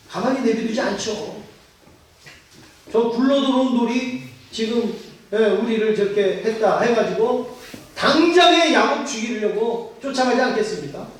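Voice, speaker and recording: Man pastor preaching, high voice, lots of questions to the crowd, recorded far off in a very echoey church. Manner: rhetorical questions to the congregation. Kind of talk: sermon. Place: church sanctuary. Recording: echoey church hall, mic at a distance.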